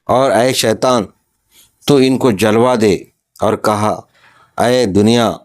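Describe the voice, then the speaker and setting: A man with a fairly low voice and a Pakistani Urdu accent reads a religious story aloud, stopping to explain each passage in plain words.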